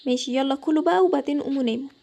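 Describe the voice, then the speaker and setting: A woman's voice: high-pitched, racing, gravelly, warm tone. A woman with an Egyptian Arabic accent voicing a caring, patient mother of two girls, talking in a soothing, motherly way. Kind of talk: storytelling with a toy game.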